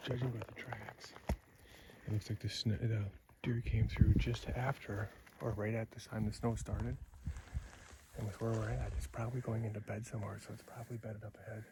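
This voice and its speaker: Low-voiced man chatting outdoors, very noisy recording. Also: level tone, moderate pace. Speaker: deer hunter. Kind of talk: casual chat while hunting. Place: outdoors in snowy woods.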